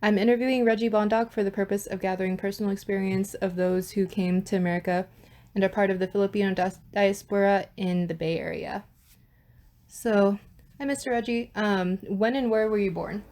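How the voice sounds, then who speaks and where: A woman's voice: mid-range voice, fairly even intonation, brisk, darkish tone. A young woman conducting an oral history interview, asking questions tentatively with many fillers.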